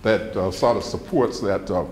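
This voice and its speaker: An older man with a Mississippi accent and a low voice gives a folksy, informal lecture. He speaks at a podium microphone in a roomy, echoing space with a little background noise. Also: normal speed, a little mellow. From central Mississippi, US. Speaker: guest lecturer, retired pharmacology professor. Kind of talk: informal public lecture with personal recollections. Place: indoor lecture room with seated audience. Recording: roomy echo, background noise, live hall.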